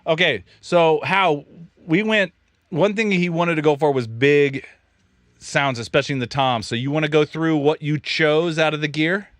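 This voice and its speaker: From his studio control room, a recording studio owner from Kansas chats casually on a livestream about his drum miking, rambling, joking and correcting himself. He has a fairly high, fairly bright voice with fairly even intonation and a normal pace. The sound is dry.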